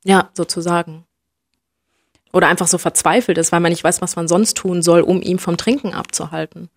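A young woman from Germany, speaking reflectively as an interview guest and often pausing to search for words. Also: fairly low pitch, fairly even intonation, dry recording, studio quality. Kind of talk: personal interview conversation.

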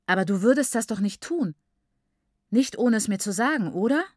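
A woman's voice: medium pitch, expressive, a little fast, a little mellow, no echo, studio quality, lightly acted. A woman reading aloud voices a headstrong, defiant teenage girl who talks in agitated, rising bursts. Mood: pleading.

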